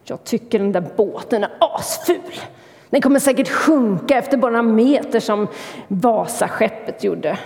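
A woman's voice: a little high, expressive, vocal fry, a little mellow, long reverb tail. A woman voicing a young hedgehog boy who is rude and sulky in a told story. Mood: sneering.

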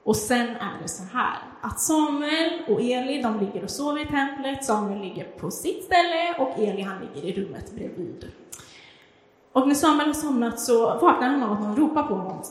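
A woman preacher giving a conversational devotional talk that retells a Bible story, with fillers and restarts. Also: a little high. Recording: echoey hall with long reverb.

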